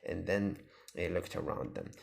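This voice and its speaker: Gravelly deep-voiced man telling a story. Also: sing-song, moderate pace. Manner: rambling, improvised storytelling. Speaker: channel host and storyteller. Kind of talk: casual fan-story narration.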